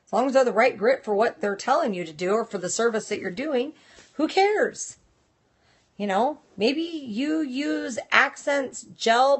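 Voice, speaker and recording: A woman hosting a casual live stream, talking directly and chattily to viewers while reacting to their comments. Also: a little high. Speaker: host of a nail industry live stream.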